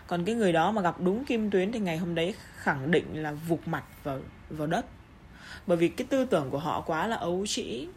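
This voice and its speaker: A woman's voice: fairly low pitch, expressive, a little mellow, slight background noise. Blunt Vietnamese woman teaching English intonation. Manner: blunt, scolding asides in Vietnamese; slow, exaggerated intonation on English examples. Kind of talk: online English pronunciation lesson.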